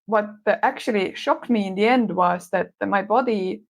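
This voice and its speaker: A woman's voice: medium pitch, normal speed. Woman co-hosting a podcast. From Estonia. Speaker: podcast co-host. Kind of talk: casual podcast conversation.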